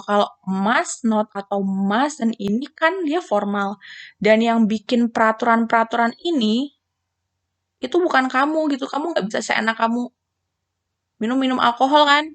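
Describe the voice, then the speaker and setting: A young woman giving a casual English lesson, chatty and lively, asking rhetorical questions and acting out her students' replies. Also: medium pitch. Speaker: English teacher.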